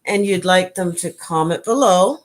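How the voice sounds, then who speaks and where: A middle-aged woman hosting a casual home chat, talking in a relaxed, hesitant way. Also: lowish voice, normal speed. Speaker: channel host.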